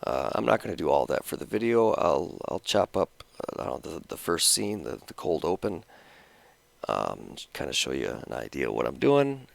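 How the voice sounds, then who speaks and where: A man's voice: a bass voice, sing-song, normal speed, vocal fry, no echo. A man casually explaining how he edits his video, rambling and restarting his sentences with a cigarette in his mouth. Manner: rambling, self-interrupting, talking around a cigarette.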